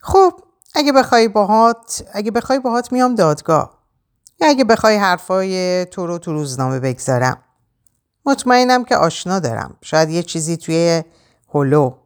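A woman narrator voicing an excitable, chatty female friend who gushes eagerly. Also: fairly low pitch. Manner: gushing, eager.

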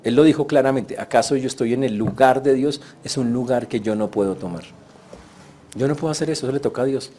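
A man's voice: medium pitch, quick pace, mellow, slight background noise. A man preaching a sermon, telling the story vividly and acting out the voices of the people he quotes.

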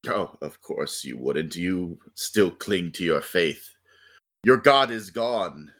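An ancient dark god as a man acts it out at a game table, speaking low and slow with theatrical villain menace. The delivery is gloating and mocking, a tabletop villain savoring each line. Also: expressive, exaggerated voice. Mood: scornful menace.

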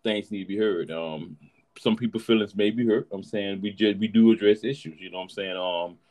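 A man hosts a casual podcast in a laid-back way. His voice sits fairly low, and he fills his talk with "you know what I'm saying". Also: fairly quick, darkish tone, rough recording. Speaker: podcast host.

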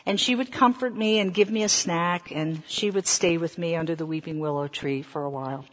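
A Southern American woman in her fifties, a preacher with a fairly low voice, delivers a sermon woven with personal stories. She speaks deliberately and asks her listeners questions, in an echoey hall with long reverb.

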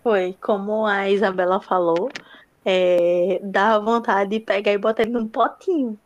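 A woman co-hosting a casual podcast, expressive and emphatic with playful exclamations. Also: medium pitch, a little slow, dull audio. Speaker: podcast co-host.

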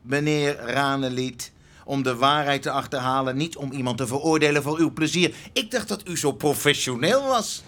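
A man's voice: mid-range voice, moderate pace, fairly bright tone, close to an everyday voice. A man playing a tired, hard-drinking police commissioner who stammers and protests in an audio drama. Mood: flustered. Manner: flustered, stammering, indignant.

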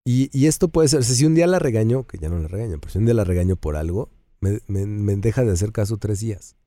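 A man with a Mexican Spanish accent co-hosting a casual chat about dogs, animated and acting out what people say. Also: fairly low pitch, fast, no echo. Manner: animated, acts out quoted dialogue in a raised voice. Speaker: co-host.

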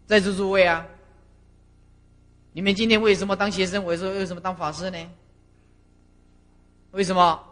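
A middle-aged woman, a Buddhist master lecturing monastic students and telling stories with lively acted-out scenes. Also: mid-range voice, moderate pace, pauses often. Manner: animated storyteller who acts out scenes. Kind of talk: doctrinal lecture with personal stories. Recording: reverberant lecture hall.

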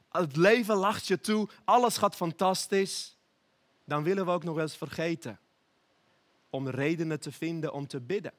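A young man from Armenia preaching an earnest, emphatic sermon, slowing down for prayerful appeals. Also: on the high side.

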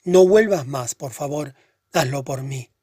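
A man reading the part of a pale, troubled young woman who speaks softly and sadly. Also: rumbling low, measured pace, slightly rough, no echo, clean studio sound, full character voice. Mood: pleading. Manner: soft, subdued and hushed.

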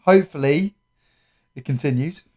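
A man's voice: a little high, moderate pace, dark tone. A young man with a South London accent, co-hosting a sports podcast in casual chat. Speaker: podcast co-host.

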